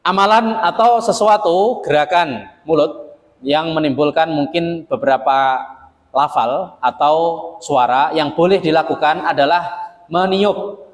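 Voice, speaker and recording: A man's voice: a little high, measured pace. Folksy preacher man, hall reverb. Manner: folksy and joking, addresses the audience directly. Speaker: Islamic preacher. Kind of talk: sermon to a local congregation.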